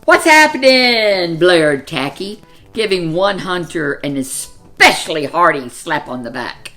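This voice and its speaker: A woman reading a children's picture book aloud as a storyteller, with expressive, deliberate, dramatic phrasing. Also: low-pitched, soft background music.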